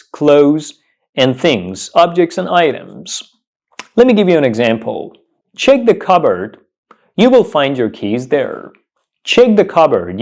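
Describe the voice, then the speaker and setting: Slow, emphatic male English teacher. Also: on the high side, darkish tone. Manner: repeats each word many times, stressing it. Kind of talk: slow, emphatic pronunciation lesson.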